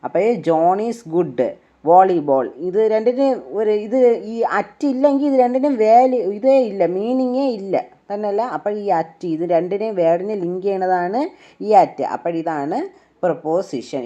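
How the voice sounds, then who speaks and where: A woman whose voice is on the low side and warm in tone explains English grammar in Malayalam. Her delivery is slow, patient, and step by step, punctuated by frequent rhetorical checks on whether the listener has understood. The audio is dull and lo-fi.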